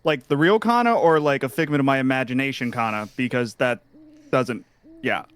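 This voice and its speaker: A man playing a tabletop game, asking jumpy, excitable questions. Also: medium pitch, brisk, clear, resonant tone. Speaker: player. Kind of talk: casual tabletop play.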